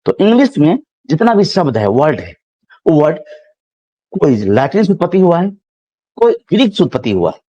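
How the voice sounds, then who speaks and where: A man's voice: a little high, sing-song, moderate pace, dark tone, lo-fi sound. A man teaching a biology class, repeating himself and explaining everyday examples, speaking a touch. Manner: repetitive, explaining with everyday examples, addresses students as children. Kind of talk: classroom lecture.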